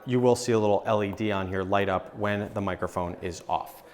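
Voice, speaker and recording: Chatty upbeat man demoing gadgets. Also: mid-range voice. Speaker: tech reporter and host. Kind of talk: casual hands-on product demo.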